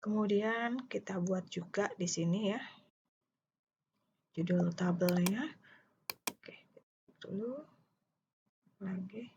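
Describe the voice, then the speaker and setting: A woman giving a step-by-step software tutorial, thinking aloud haltingly and at times dictating words as she types. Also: medium pitch. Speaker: instructor. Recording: muffled lo-fi mic, clear background noise. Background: keyboard typing and mouse clicks.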